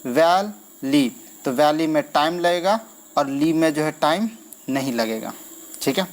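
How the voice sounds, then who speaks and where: A man's voice: on the high side, normal speed. A man teaching verse scansion in an exam-prep lesson, counting feet aloud and stretching stressed syllables, with frequent okay fillers.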